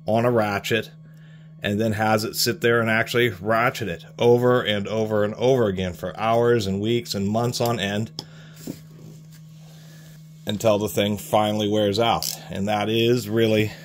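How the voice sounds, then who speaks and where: Low-voiced man explaining tools. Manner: explanatory, rambling with restarts. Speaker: tool reviewer. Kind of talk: casual product review. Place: workshop bench, hands on tools.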